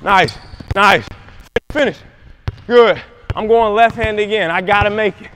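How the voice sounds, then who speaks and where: In a spacious indoor gym, a young man demonstrates basketball moves as a trainer, calling plays loudly and with plenty of energy. He has a high voice and a slightly slow pace, with a little noise in the background.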